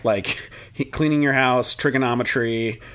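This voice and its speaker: A man's voice: medium pitch, steady tone, measured pace, a bit bright, clear, resonant tone. A man co-hosting a podcast in casual chat, rambling and joking, sometimes mimicking movie lines. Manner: rambling, jokey, slips into mocking movie voices. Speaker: podcast co-host.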